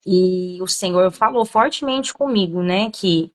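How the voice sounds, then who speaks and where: A woman hosts a casual talk. Her voice is low for a woman, and she speaks softly, agreeing and tagging her sentences with little fillers. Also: a little slow. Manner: soft-spoken, agreeing, fills with "né". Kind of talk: casual chat.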